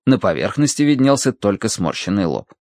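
A man reading an audiobook in lively, expressive comic storytelling. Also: fairly low pitch, brisk, dry recording, studio quality. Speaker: audiobook narrator. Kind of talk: scripted narration.

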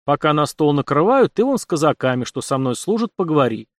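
A confident young nobleman who gives orders calmly and with a dry wit, as a male reader voices him. His voice is a touch high and very lively. It is close and dry. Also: fast talker, dry recording. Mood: assured. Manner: assured, matter-of-fact and commanding. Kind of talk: audiobook character voice.

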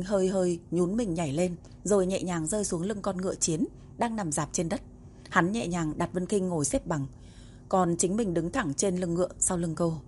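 Low-voiced woman narrating a novel. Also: a little mellow, slight background noise. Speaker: audiobook narrator. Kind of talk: storybook narration.

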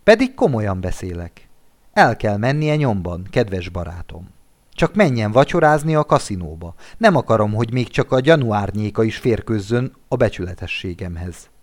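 A man's voice: fairly low pitch, sing-song. A man reading a storybook and voicing an aging, proud and self-pitying kept woman in a raised, plaintive voice. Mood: stern.

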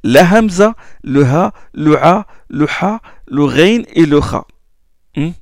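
A man teaching Quran recitation, explaining letter sounds slowly with many hesitations and checks like "hmm?", and demonstrating sounds aloud. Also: on the high side, expressive, a little mellow, no echo, studio quality. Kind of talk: slow classroom explanation.

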